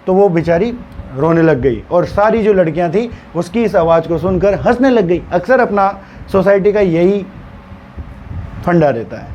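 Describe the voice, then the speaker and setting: A man's voice: sits high, expressive, moderate pace, dull audio, slight background noise. A male teacher retelling a story for students, acting out the characters' stammering and dialogue as he explains.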